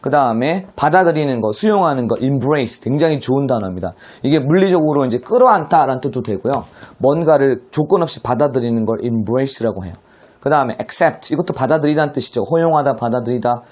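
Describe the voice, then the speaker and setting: A man's voice: mid-range voice, lively intonation, brisk, darkish tone. A man teaching English vocabulary to middle school students in an online class, speaking with a Korean accent and often addressing his students directly.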